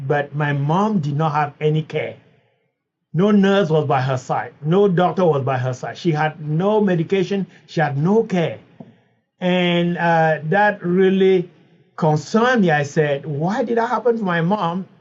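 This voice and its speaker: A middle-aged man from Cameroon, earnestly telling his story as a podcast guest. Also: a little high. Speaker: podcast guest, biology professor. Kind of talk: interview answers. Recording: dull lo-fi sound.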